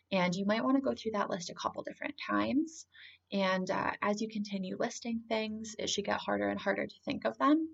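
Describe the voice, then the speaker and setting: Calm lady talking you through a grounding exercise, chatty explaining, bit of vocal fry, kinda muffled lo-fi audio. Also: mid-range voice. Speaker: presenter guiding a grounding exercise. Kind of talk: informal spoken lesson, calm grounding exercise.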